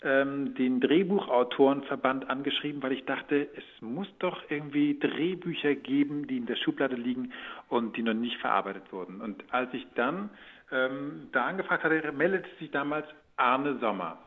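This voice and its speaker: A man with a mid-range voice speaks at normal speed over phone-like, narrow-band audio. As an interview guest, he's a radio drama producer and actor giving informal, rambling, conversational answers.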